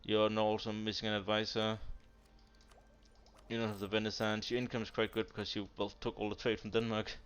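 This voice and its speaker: A man's voice: lowish voice, little pitch movement, brisk, fairly bright tone, smooth, soft background music. A man giving casual, blunt commentary on a player's strategy game nation, exasperated and full of fillers. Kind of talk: casual commentary over gameplay. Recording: dull lo-fi mic with keyboard typing behind.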